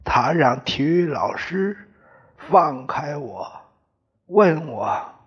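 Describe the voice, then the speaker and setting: Male audiobook narrator, first person, very slow pace, fairly high voice. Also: very animated, breathy edge. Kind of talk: first-person novel reading. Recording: dull lo-fi recording.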